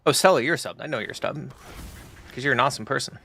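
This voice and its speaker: Young male streamer, gravelly, casual profane banter while playing. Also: mid-range voice, rapid-fire, pushed and bright. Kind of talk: casual gaming stream chat.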